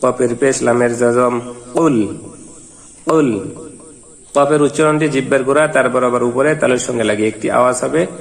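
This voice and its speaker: A man's voice: medium pitch, fairly even intonation, a little fast, creaky. A man teaching Quran reading in Bengali, spelling out letters and vowel marks one by one and then chanting each verse. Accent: Bangladeshi Bengali. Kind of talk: slow spelled-out recitation lesson. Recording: long reverberant hall.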